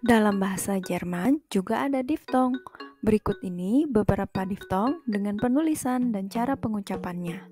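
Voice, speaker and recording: A woman's voice: mid-range voice, expressive, moderate pace, dark tone. A woman teaching a language lesson, carefully enunciating and repeating example words as she addresses viewers as friends. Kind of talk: instructional lesson. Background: background music.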